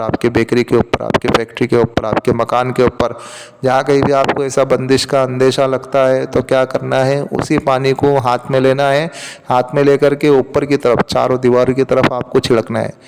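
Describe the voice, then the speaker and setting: A man's voice: medium pitch, completely flat delivery, moderate pace, long reverb tail, background noise. A man giving religious instruction on a spiritual remedy, explaining each step and repeating his points. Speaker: religious teacher.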